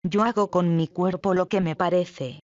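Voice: mid-range voice, fairly even intonation, normal speed, a little mellow, no room sound, natural voice. A reader voicing a defiant, restless youngest sister in a dramatic play reading, speaking curtly. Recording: dull, lo-fi, dry.

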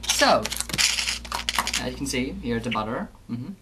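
Her pitch extremely low but her intonation lively, a young woman talks at a measured pace to her pet bird and rambles while making lunch in her small home kitchen. This casual cooking vlog is shot on a handheld camera, and its audio is noisy.

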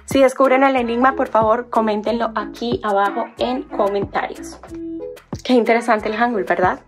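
A woman's voice: a little high, fairly even intonation, music in the background. Woman patiently spelling out syllables. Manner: patient, spelling out sounds slowly. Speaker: language teacher. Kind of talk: explaining on a whiteboard.

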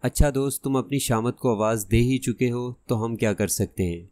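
A man's voice: medium pitch, a little mellow, lightly acted. A man voicing a brave teenage boy detective in an audiobook, with wry, mocking remarks.

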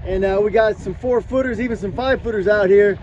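A man's voice: high-pitched, brisk, muffled recording. A man hosting a fishing show, giving easygoing explanations from an open boat at sea, recorded on an action camera. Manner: explanatory, easygoing, with frequent fillers. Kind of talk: casual on-boat commentary. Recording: loud wind and boat noise.

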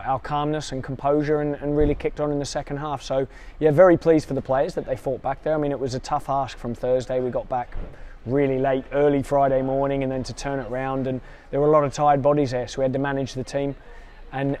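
A man in his thirties, a football coach, answering questions in a post-match interview outdoors by the pitch, measured and quick with small restarts. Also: darkish tone.

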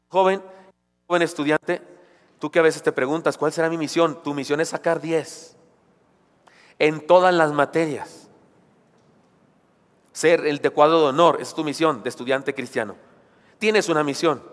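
Emphatic preacher in an echoing hall. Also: male voice, fairly high pitch. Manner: emphatic, rhetorical questions, joking asides. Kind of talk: sermon. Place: church sanctuary. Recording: long church hall reverb.

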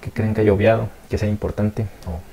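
Woman, podcast host; extremely low, dark voice, easygoing. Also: flat delivery, brisk. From Guerrero, Mexico. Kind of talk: casual interview chat.

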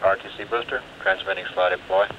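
A man as a flight controller giving terse, calm, procedural callouts over an archival space mission radio loop. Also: deep voice, fast talker. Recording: muffled 1960s radio audio with faint hiss.

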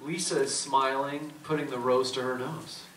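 A man on a cinema stage reading a script's stage directions aloud to a live audience, amused and brisk. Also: medium pitch, steady tone, fairly bright tone, recorded from a distance, slight background noise. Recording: echoey hall, picked up from afar.

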